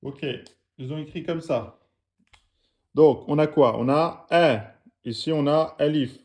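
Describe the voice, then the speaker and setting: Man, teacher, patient letter-by-letter spelling, slow delivery, soft dark tone. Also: fairly high pitch. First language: French-speaking audience. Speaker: Arabic teacher. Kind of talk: correcting students' written exercises.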